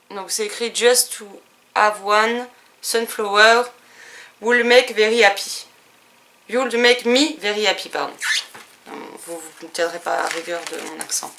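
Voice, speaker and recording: A woman's voice: mid-range voice, background noise. A woman with a French accent chatting casually in a haul video, hesitant and full of fillers. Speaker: book and stationery vlogger.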